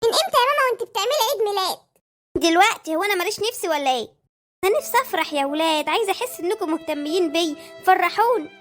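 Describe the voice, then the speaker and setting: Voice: extremely high pitch, animated, rapid-fire, fairly bright tone, soft background music. A performer voicing a spoiled, demanding Egyptian housewife who talks in a whiny, coaxing way.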